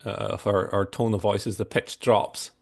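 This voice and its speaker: A man talks through a software demo in a low, gravelly voice. He explains patiently and often stops mid-sentence to start over. His tone is a tutorial presenter's. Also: steady tone. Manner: halting, explanatory, frequent restarts. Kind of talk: screen-share tutorial explanation.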